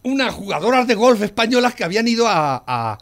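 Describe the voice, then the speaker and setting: A man's voice: high-pitched, sing-song, a little fast, a bit bright. An older man with a Spanish accent from Spain, co-hosting a talk show and ranting in outrage, tagging lines with "¿eh?". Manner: indignant, ranting, repeats "¿eh?". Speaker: co-host. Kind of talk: heated talk show chat.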